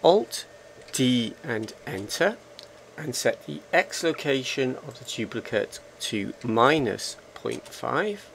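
Slow gravelly-voiced man giving instructions. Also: mid-range voice, lively intonation, a bit bright, a little hiss or hum. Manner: slow, measured, instructional commands. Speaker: software tutorial instructor. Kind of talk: step-by-step screencast narration.

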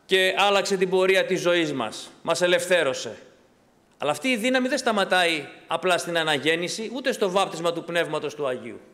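A pastor with a notably high, fairly bright voice preaches an impassioned sermon, asking his congregation rhetorical questions and answering them. A long reverb from the surrounding church hall makes his words ring out.

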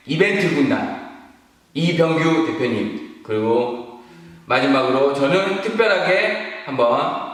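Formal male speaker, slightly high voice, prepared announcement, long reverb. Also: fairly bright tone. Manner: polite, formal. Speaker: entertainment company head. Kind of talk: prepared video message to camera. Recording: very echoey, distant mic.

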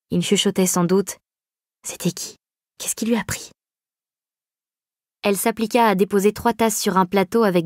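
A woman reading a novel aloud in a measured, even storytelling manner. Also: on the low side, no echo, clean studio sound. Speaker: audiobook narrator. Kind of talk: scripted narration.

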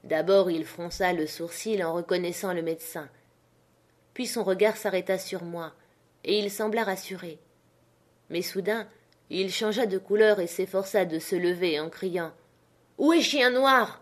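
A woman tells an adventure story in a steady, measured reading voice. Her pacing stays even and unhurried, in the manner of an audiobook narrator. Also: fairly low pitch. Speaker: audiobook reader. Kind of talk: scripted narration of a classic novel.

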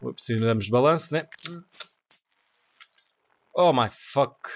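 A young man with a European Portuguese accent, commentating a game excitedly, laughing and swearing often. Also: mid-range voice, takes it slowly, lo-fi sound. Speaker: gaming YouTuber. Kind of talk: let's play commentary.

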